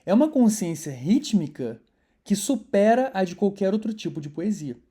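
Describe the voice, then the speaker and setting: A woman's voice: mid-range voice, very animated, normal speed, dark tone, breathy edge. A woman teaching an online poetry course, explaining in a conversational way and stressing syllables as she scans verses.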